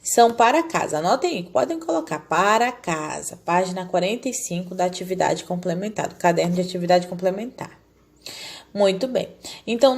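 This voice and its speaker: A woman teaching a recorded lesson to young children. She explains patiently and keeps asking the class questions, then answers them herself. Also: mid-range voice. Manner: talks down gently to small children. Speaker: primary school teacher.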